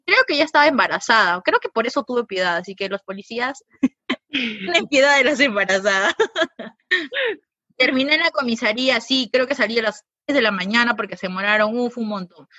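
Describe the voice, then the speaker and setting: A woman, a podcast guest telling stories in casual chat, animated and laughing often. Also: fairly high pitch, a little fast, no echo. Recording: dry, dull lo-fi recording.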